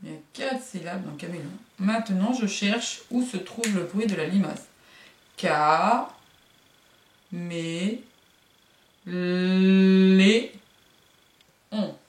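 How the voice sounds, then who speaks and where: A woman teaching young children a phonics lesson, stretching out syllables and sounds slowly and clearly. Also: medium pitch, animated, slight background noise. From France. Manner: slow, drawn-out syllables, sings sounds. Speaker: kindergarten teacher. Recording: echoey room, voice from a distance.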